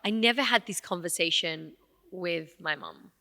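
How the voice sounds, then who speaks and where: Bright-voiced woman telling her story. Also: lowish voice, normal speed, vocal fry, big-room sound. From Afghanistan. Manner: warm, animated storytelling with frequent fillers. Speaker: podcast guest, radio presenter. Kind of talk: storytelling in a casual interview.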